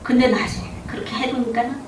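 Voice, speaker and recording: A woman pastor delivers a testimony-style sermon, her voice sitting a little high for a woman. She draws her listeners in with rhetorical questions. The recording is distant and roomy, with a faint hiss in the background. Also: steady tone, quick pace. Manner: storytelling, asks rhetorical questions. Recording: echoey room, distant mic, faint background.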